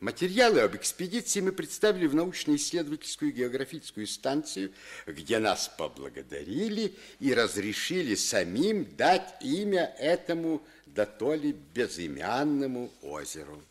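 An actor playing an expressive, declaiming captain in a radio play. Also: male voice, medium pitch, normal speed. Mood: earnest storytelling. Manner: expressive storytelling read-aloud. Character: captain reading a letter aloud, then shouting orders.

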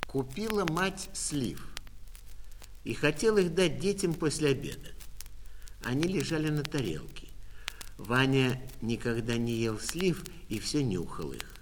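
Man calmly reading a children's story. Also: medium pitch, a little hiss or hum. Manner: calm measured reading, voices the father. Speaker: narrator.

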